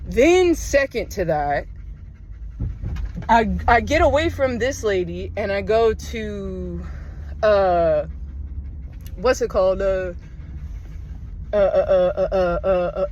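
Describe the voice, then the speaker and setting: A woman telling a rambling, profane comic story about her morning walk, with deadpan asides. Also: medium pitch, a little hiss or hum, poor audio. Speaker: vlogger. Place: outdoors in a wooded park.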